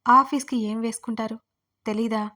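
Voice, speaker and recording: A woman voicing a curt, serious young husband in an audio story, speaking in terse, flat statements. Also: fairly high pitch, moderate pace.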